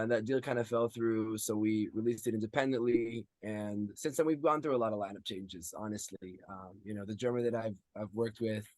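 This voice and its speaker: A man's voice: lowish voice, a little mellow, dry recording. A man in his thirties from Israel, a guest musician answering interview questions in a rambling casual way with many ums.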